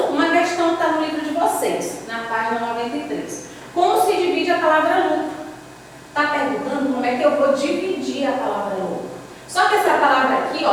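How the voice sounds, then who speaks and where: High-voiced woman teaching in an echoey room. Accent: Brazilian Portuguese. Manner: explains step by step, often says "ó" while pointing. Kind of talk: recorded classroom lesson. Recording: echoey room, distant mic, faint noise.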